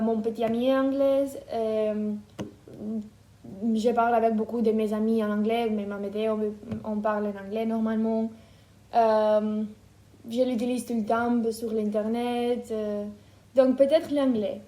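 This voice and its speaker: Young woman, interview guest, higher voice, mellow tone, hesitant. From Ukraine. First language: Ukrainian. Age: 20s. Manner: hesitant, thoughtful, many fillers. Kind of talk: casual interview.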